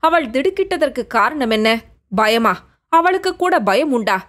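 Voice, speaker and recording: A woman narrating a novel as an audiobook, in a measured, dramatic style. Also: high voice, animated, a bit bright.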